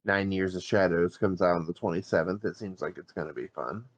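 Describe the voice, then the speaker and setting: A man's voice: sits low, fairly quick, dry recording, highs cut off. A man co-hosting a gaming podcast, chatting casually and running through news in a matter-of-fact way. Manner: matter-of-fact, lists release dates. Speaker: podcast co-host. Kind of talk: casual chat.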